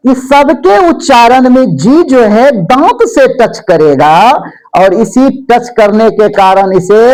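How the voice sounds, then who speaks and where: A woman's voice: a little high, darkish tone, poor audio. A woman teaching a grammar lesson, repeating each term and asking and answering her own questions. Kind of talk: classroom lesson.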